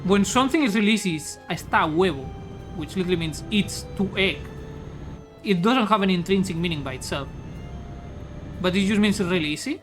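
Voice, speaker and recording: A Spanish woman with a Spanish accent streams a game, rambling and joking crudely into a studio mic fitted with a pop filter. Her mid-range voice has lively intonation and runs a little fast. Soft music plays behind her on a low-quality recording.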